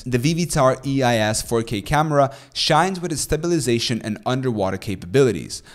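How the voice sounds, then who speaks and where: A young man in his twenties narrating a scripted product review, reading specs and prices in a steady, promotional way, recorded in a small room on a studio boom microphone.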